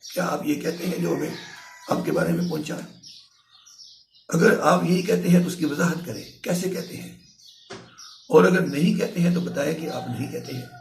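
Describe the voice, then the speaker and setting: A man giving a measured religious lecture, patiently explaining his points with worked examples. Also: on the high side, vocal fry, darkish tone, slight background noise. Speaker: religious speaker. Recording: echoey room.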